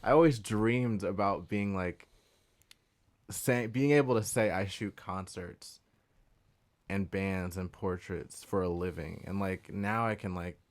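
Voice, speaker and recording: A man in his twenties, a podcast guest, chatting casually and rambling with lots of "like" in an excited way. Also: sits low, a little slow. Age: 20s. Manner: rambling, heavy use of "like", excitable. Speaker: podcast guest, concert photographer. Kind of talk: casual chat.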